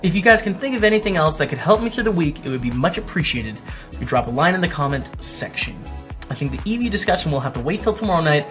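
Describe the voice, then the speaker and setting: Here the same kind of host, a male poker streamer, reads his old blog posts on a laid-back vlog, dropping in dry, talkative remarks along the way. He speaks quickly and expressively in a higher, fairly bright voice, with gentle music playing behind him.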